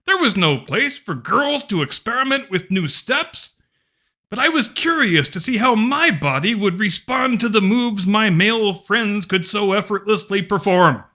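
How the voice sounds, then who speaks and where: A woman giving a dramatic reading of an academic text like a hammy stage actor, with theatrical, drawn-out emphasis. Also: medium pitch, animated, fairly bright tone. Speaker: host of a mocking dramatic reading.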